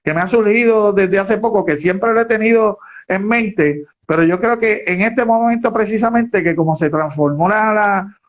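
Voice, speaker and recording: A man hosting an interview, talking reflectively with halting restarts. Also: high voice, dull audio. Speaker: interview host. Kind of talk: casual interview chat.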